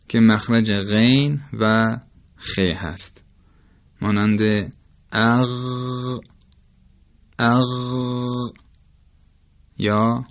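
A man teaching Quran recitation rules in a formal, careful lecture, slowly demonstrating each throat and mouth sound aloud. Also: fairly low pitch, lo-fi sound. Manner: formal and polite toward listeners. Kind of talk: instructional lecture on tajweed.

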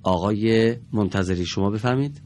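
A man teaching a televised reading lesson to children in a studio, patiently and slowly sounding out each word for his pupils. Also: lowish voice, a little mellow, slight background noise.

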